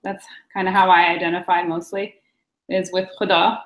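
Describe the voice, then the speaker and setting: A woman's voice: lowish voice, flat delivery, moderate pace. Reflective woman in an echoey room. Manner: reflective, searching for words. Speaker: panelist. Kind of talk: panel discussion.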